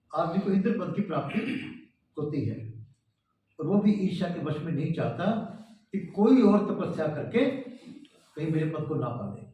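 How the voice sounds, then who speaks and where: Speaking to a cultural meeting in a large hall, a man gives an earnest moral lecture, posing rhetorical questions. His voice sits high and is a little mellow. The sound is echoey and dull, picked up by a distant mic.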